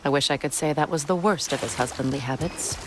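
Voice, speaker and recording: A woman playing a proud, weary goddess queen who speaks in a measured way with dry sarcasm. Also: sits low, natural voice. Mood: wry. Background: game music.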